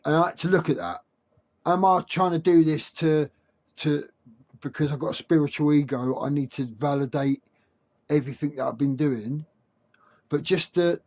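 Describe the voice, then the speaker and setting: A man speaking without his teeth, with soft gummy consonants, giving a halting, repetitive, informal spiritual monologue to camera. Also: fairly high pitch. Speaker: self-help video creator.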